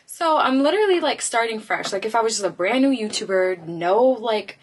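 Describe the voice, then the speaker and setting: A woman's voice: fairly high pitch, expressive, brisk, a little hiss or hum. A woman vlogger chatting casually to her phone camera at home, rambling and teasing herself, still out of breath. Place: home office indoors.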